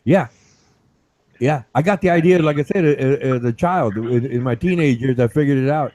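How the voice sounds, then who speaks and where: A man arguing casually in an earnest, deliberate and repetitive way, on a noisy online voice chat connection. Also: mid-range voice, mellow, no room sound. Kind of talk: casual argument.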